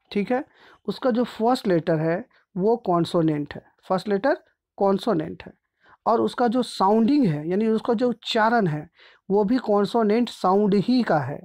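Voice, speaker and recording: A man's voice: sits high, darkish tone. A man teaching a grammar lesson step by step. He speaks patiently, repeats points, and often checks in with his pupils.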